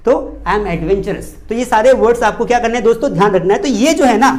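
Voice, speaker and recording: In a classroom-style video lesson, a man with a Hindi accent teaches spoken English, repeatedly posing questions to his students and answering them himself while repeating each key word for emphasis. His voice is very high with a darkish tone, and he talks at a racing pace.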